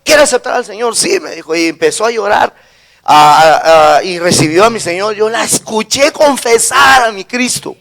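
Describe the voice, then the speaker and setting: A man's voice: high-pitched, normal speed, creaky, a bit bright. A middle-aged man with a Guatemalan accent, a pastor preaching a sermon and telling a personal story, who keeps checking in with the congregation. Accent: Guatemalan Spanish.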